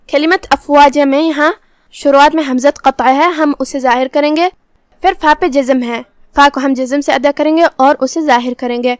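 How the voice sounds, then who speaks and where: High-voiced woman teaching careful recitation. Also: dry recording, clean studio sound. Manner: calm, careful, explains each letter step by step. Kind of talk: slow tajweed lesson with recitation.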